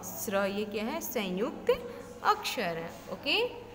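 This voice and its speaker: A woman, teaching a slow classroom lesson, reciting letters and asking and answering her own questions. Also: fairly high pitch, sing-song, slight background noise. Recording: echoey room with faint ambience.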